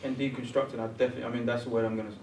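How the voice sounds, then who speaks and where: Recorded in a room at a public talk event with a distant mic, roomy sound and faint ambience, a man joins a conversation as a guest programmer. English-born and partly raised in Ghana, he races along in a level, medium-pitched, slightly mellow voice, full of ums and restarts, with a little hiss or hum.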